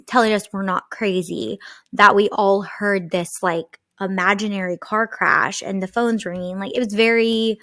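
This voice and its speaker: A young woman co-hosts a podcast, spinning a personal story in loose, casual chat that is peppered with "like." Her voice sits at an ordinary middle pitch. It is recorded close and dry, with no room sound around it. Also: no room sound. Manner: animated storytelling, lots of "like" fillers. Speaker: podcast co-host.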